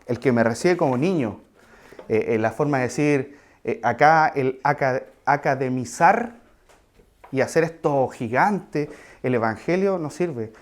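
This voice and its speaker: A man delivers a sermon in an easy, conversational tone. He talks to the congregation directly, with asides and quick questions, at a middle pitch. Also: expressive. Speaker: preacher.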